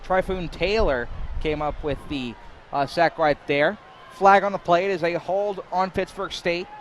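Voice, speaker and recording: A young man giving live college football play-by-play, excitable, rising to shouts on big plays and sometimes stumbling over his words. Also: on the high side, unhurried, slight background noise. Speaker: play-by-play commentator.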